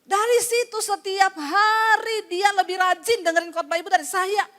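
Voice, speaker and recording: A woman pastor preaching a lively sermon to a congregation, joking with them and retelling conversations. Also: very high-pitched, normal speed.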